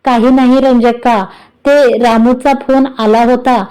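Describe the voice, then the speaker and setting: A woman's voice: fairly high pitch, flat delivery, slow, darkish tone, clear, resonant tone. A woman voicing a young husband who grumbles in annoyance, in a Marathi storybook reading. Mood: grumbling. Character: teasing young man, a husband.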